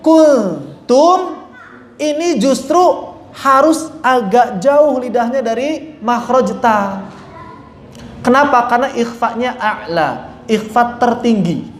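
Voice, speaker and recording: This Quran recitation teacher has an expressive, mid-range voice and speaks slowly. In a classroom where students repeat after them, they explain in steps, demonstrate sounds, ask and answer their own questions, and correct mistakes firmly; the room is echoey with slight background noise.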